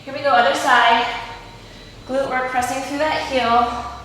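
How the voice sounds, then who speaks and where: This woman instructor speaks in a high, steady, somewhat bright voice, a little slowly, coaching through push-ups and lunges with effort and slight breathlessness. Faint background noise and heavy room echo fill the recording.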